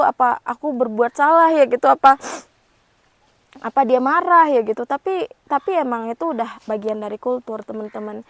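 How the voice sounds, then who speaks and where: Young woman vlogger from Indonesia, casual chatty delivery with fillers, slightly high voice, dry close sound. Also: no room sound. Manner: chatty, frequent fillers and "gitu ya". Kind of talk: casual chat to camera. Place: home.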